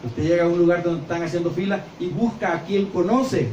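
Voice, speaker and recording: A man's voice: high voice, fairly quick, muffled recording. Older guy preaching in a church, acts out the bits, roomy echo, faint hiss behind. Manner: animated preaching, acts out voices and gestures. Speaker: pastor. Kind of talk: sermon. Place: church hall. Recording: echoey church sound from far off with faint noise.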